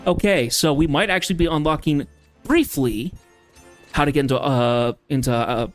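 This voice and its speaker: A man's voice: on the high side, normal speed, dry recording, soft background music. Casual man streaming a game. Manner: casual, rambling, with fillers and laughs. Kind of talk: live game stream commentary.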